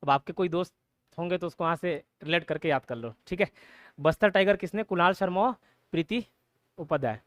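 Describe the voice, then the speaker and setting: High-voiced teacher. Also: male voice, fairly quick, fairly bright tone, dry recording, clean studio sound. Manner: repeats points, asks the class quiz questions, says "theek hai" often. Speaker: exam coaching teacher. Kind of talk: mnemonic-based exam prep lecture.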